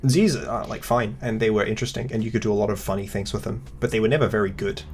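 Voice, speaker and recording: A man's voice: lowish voice, fairly even intonation, fast, a little hiss or hum. A man hosting a casual chat about competitive games, rambling with lots of fillers and wry asides. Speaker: podcast host.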